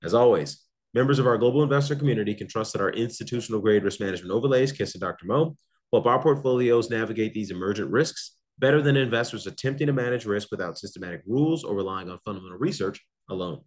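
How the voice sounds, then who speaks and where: Male host, low register, confident and analytical, delivering market commentary and listener Q&A. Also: animated, fast talker. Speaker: host of a macro investing research show.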